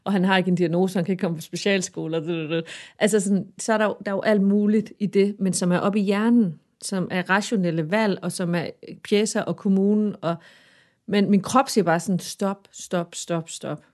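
A woman's voice: medium pitch, steady tone, darkish tone. Woman, mother, casual chat, earnest, reflective, bursts of animation.

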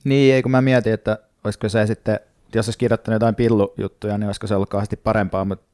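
A man chatting casually as a podcast co-host, speaking in a halting, sheepish way. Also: on the low side, level tone, a little mellow, no echo, studio quality. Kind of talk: casual chat.

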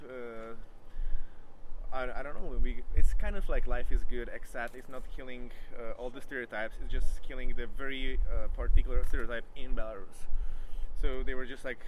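A man speaks English with a Czech accent in a casual interview. His voice sits at an average pitch and he talks haltingly, rambling and searching for words. Clear vehicle and city noise runs behind him. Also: fairly bright tone. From Czech Republic. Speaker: interviewee, photographer. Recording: noisy outdoor urban traffic background.

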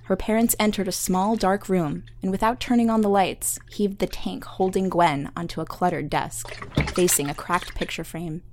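A woman narrating an audio drama in a measured storytelling manner. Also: on the low side, fairly even intonation, darkish tone.

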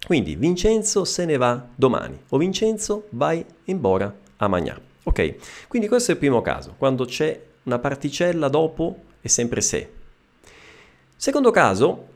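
A man's voice: fairly high pitch, wildly swooping pitch, moderate pace. A man from Italy teaching a grammar lesson on video, explaining patiently and checking in with frequent "ok?". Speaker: Italian teacher.

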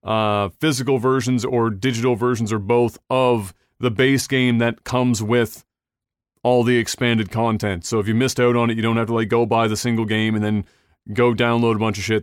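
Man, podcast host, casual chat, smooth clear voice, dry close sound. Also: fairly low pitch, little pitch movement, moderate pace, dry recording. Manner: rambling, swears casually, many restarts.

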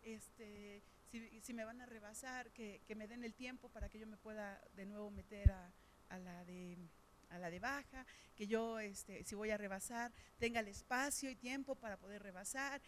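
A woman's voice: mid-range voice, fairly even intonation, moderate pace, a little hiss or hum. A middle-aged woman with a Mexican Spanish accent, preaching a sermon in a conversational storytelling way, with frequent fillers.

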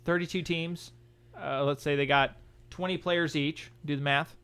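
A man's voice: on the high side, fairly even intonation, moderate pace, a bit bright, smooth. Crude, joking male podcast co-host. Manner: crude, joking, loose banter. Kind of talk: casual chat.

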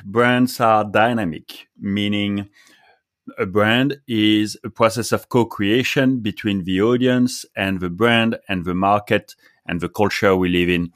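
A man's voice: fairly low pitch, a bit bright. A man with a French accent, a guest author on a podcast, explaining his ideas in an earnest way. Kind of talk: podcast interview.

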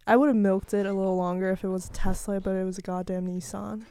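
A woman's voice: medium pitch, level tone, mellow, dry recording. Wry young woman co-host. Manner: wry, self-deprecating, quick to laugh. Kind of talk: casual chat.

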